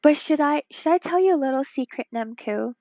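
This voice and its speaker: A woman from Hong Kong chats casually on a late-night live stream while she draws. Her voice sits high and sounds warm, animated and a little fast, though tired and worn, and she's playful and teasing, sometimes dropping to a whisper. There's no room sound.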